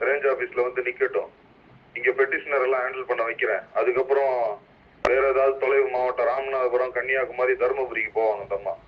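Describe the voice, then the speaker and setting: Stern cop boss on a police radio, muffled, lots of static hiss, scolding man giving orders. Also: medium pitch. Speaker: senior police officer on the radio.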